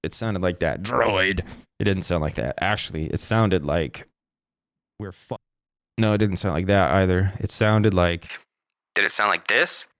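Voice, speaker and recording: A man's voice: low voice, a little slow, fairly bright tone, no room sound. Man, casual solo podcast, meandering, profane, dry close sound. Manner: rambling, profane, self-correcting. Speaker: podcast host. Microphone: desk mic through a streaming interface.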